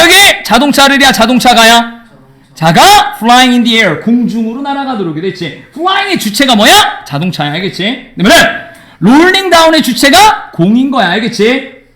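A man teaching an English grammar lesson in a classroom, lively and teasing with his students. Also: high-pitched.

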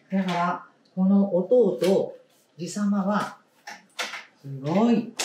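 A woman teacher leading a read-aloud lesson, speaking slowly and emphatically, repeating key words and asking the class questions. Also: lowish voice, dark tone, muffled recording, slight background noise. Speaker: primary school teacher. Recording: roomy sound, distant mic.

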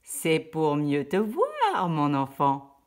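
A woman voicing a sly, hungry male wolf in a storybook, loud and drawn out. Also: low-pitched, wildly swooping pitch, takes it slowly, full character voice.

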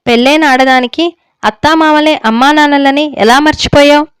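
Reading from a story, a woman takes on the lines of an older husband who is a village elder, stern, preachy, and unyielding as he speaks of righteousness. Her voice sits high, with a steady tone and moderate pace, natural-sounding on a dry recording.

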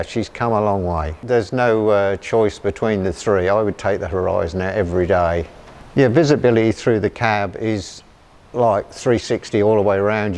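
An older man with a slightly low voice speaks in plain, enthusiastic terms, often repeating a word before carrying on. He is a sprayer operator giving a customer testimonial in a large farm machinery shed, recorded on a clip-on mic. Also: a little mellow. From England.

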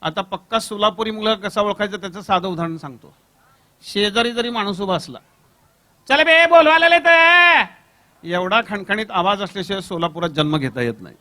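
A man's voice: high-pitched, brisk. A man, a mimicry comedian telling a comic story and doing voices. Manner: loud, ringing voice, mimicking a brash Solapur lad. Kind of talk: stand-up storytelling with impressions.

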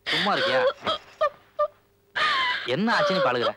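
An actor playing a breezy young newlywed son-in-law who brushes off the family's fuss. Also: male voice, high-pitched, wildly swooping pitch, normal speed, bright, forceful tone, slightly rough, full character voice.

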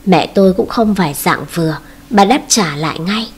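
A woman narrating a first-person story in a calm, steady reading voice. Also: on the low side, moderate pace, breathy edge.

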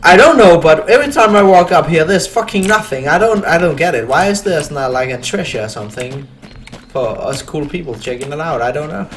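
Young man, gaming commentary, slightly high voice, panicky and profane, faint typing behind. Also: lively intonation, brisk, a little hiss or hum. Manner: swears a lot, keeps repeating "all right"; panicky shouting during fights. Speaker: gaming YouTuber. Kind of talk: let's play commentary.

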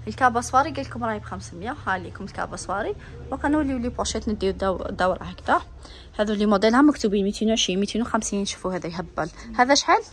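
A woman's voice: mid-range voice, expressive, rapid-fire. A woman with an Algerian Arabic accent filming inside a bag shop on her phone, eagerly reeling off prices and gushing over the bags as a shopping vlogger. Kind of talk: product showcase vlog. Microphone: handheld phone while filming.

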